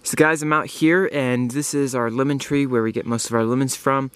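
This young man's voice sits at medium pitch, fairly bright and clean, with fairly even intonation and a slightly quick pace. He's vlogging outdoors on his homestead, rambling and correcting himself while explaining his beehives in a garden among bushes. Outdoor camera audio from a handheld or close mic carries the hum of bees and insects.

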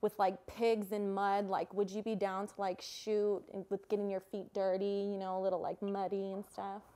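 A woman in her twenties, recorded in a living room, improvises a prank call while posing as a producer, gushing and swearing freely. Her mid-range voice is warm and smooth, level in tone and moderate in pace.

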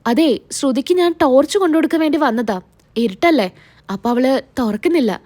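A woman puts on a scheming young man, pushy and resentful in a retold TV serial. He coaxes and wheedles, then turns threatening. The voice stays high and light. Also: lively intonation, fairly quick, darkish tone. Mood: excusing.

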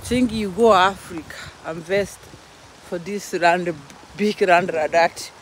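A woman's voice: fairly low pitch, slow pace. A middle-aged woman with a Burundian accent vlogs casually outdoors on a phone, emphatically repeating words and phrases. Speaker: vlogger. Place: outdoors, walking in a forest. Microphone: phone at arm's length. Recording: noisy outdoor phone recording, wind and rustling.

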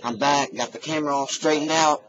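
A man's voice: fairly high pitch, fairly even intonation, fairly quick, crowd noise. A young man chatting casually and aimlessly to his webcam in a home office, slangy and given to swearing. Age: young adult. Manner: slangy, swearing, laid-back. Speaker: amateur video blogger. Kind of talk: casual rambling webcam chat. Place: home office room, indoors. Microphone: webcam or computer mic at desk. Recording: dull lo-fi webcam audio, voices behind.

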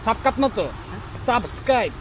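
Quick-talking Bangladeshi male street interviewer, high voice, prodding questions, faint outdoor noise. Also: lively intonation, fairly bright tone. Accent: Bangladeshi Bengali. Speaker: street interviewer filming for own channel.

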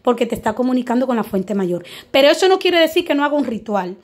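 A woman's voice: sits high, sing-song, fast talker. A woman who works as a spiritual medium, giving spiritual and money advice straight to her viewers and often tagging her points with a questioning "eh?". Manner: preachy, addresses viewers directly with frequent "eh?"; acts out little dialogues in her talk.

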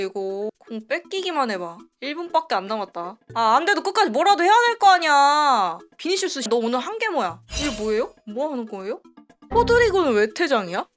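A woman streaming a live football match reaction, emotional and swearing, yelling at the players. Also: high-pitched.

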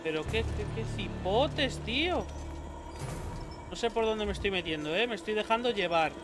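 A man commenting on a horror game, joking, swearing often and shouting when scared. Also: sits high, expressive, moderate pace. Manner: swears a lot, jokey, yells when scared. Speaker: gaming youtuber. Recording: game music behind the voice.

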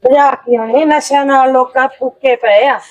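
A woman's voice: high-pitched, steady tone, normal speed, darkish tone, lightly acted. A woman playing a worried, lecturing village mother. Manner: earnest, lecturing. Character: worried village mother warning her son. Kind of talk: village short-film acting.

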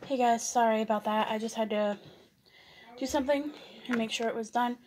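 Chatty young woman, slightly high voice. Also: fairly even intonation, fairly quick, darkish tone. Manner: rambling, many fillers and restarts. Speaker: vlogger. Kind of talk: casual mukbang chat while eating.

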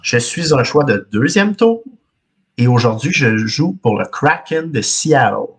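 Speaking through a video call webcam, this quiz host is a man in his thirties with a Quebec French accent. His husky, medium-pitched voice is expressive and measured in pace. Running a casual podcast quiz, he voices clues in the first person and breaks into frequent laughter.

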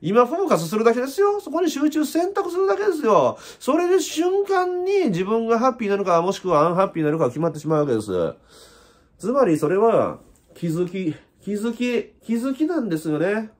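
A man with an Osaka accent, hosting a casual spiritual talk in an animated, joking way, laughing often. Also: sits high, brisk. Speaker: host.

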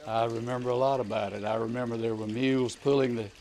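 Older Mississippi man, gravelly, slow reminiscing, distant mic. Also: medium pitch, flat delivery, a little mellow. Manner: recalling memories slowly. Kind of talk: interview reminiscence. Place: outdoors under a carport.

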